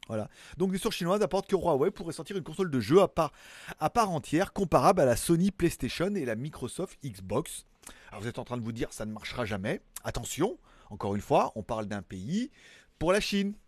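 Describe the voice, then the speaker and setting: A man's voice: on the high side, big pitch swings, a little fast, slightly rough, dry recording. Chatty man hosting a tech news show. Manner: chatty, rambling, jokey asides with laughs. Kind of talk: casual chat.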